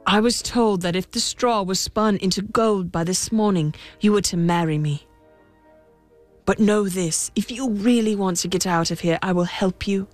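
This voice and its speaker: A woman voicing a kind, gentle young male prince in a storybook reading, speaking in a reassuring way. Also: medium pitch, moderate pace, faint music behind, lightly acted.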